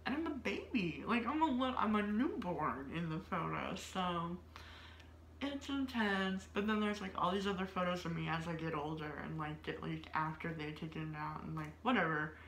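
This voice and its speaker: A woman's voice: on the low side, lively intonation, moderate pace, a bit bright, slight background noise. A woman in her thirties telling a story in a casual, rambling way, with many filler words and frequent laughter. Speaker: vlogger. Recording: roomy echo.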